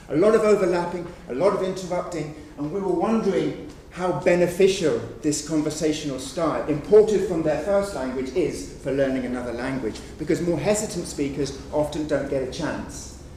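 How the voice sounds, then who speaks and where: This man's voice is a little high and dark in tone as he presents research in a conference room. He explains examples patiently and hedges often with "sort of." The audio has room echo, a distant microphone, and faint noise.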